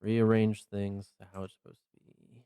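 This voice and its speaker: A man's voice: lowish voice, flat delivery, normal speed, warm tone, clean tone, no echo. A man narrating a tabletop game as game master, hesitant and full of ums.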